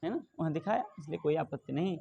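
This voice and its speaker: A middle-aged man teaching Sanskrit grammar, asking questions and answering them himself, reciting the rules slowly. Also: on the high side, animated, creaky, mellow, slightly rough, highs cut off. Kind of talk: explaining grammar rules in a lesson.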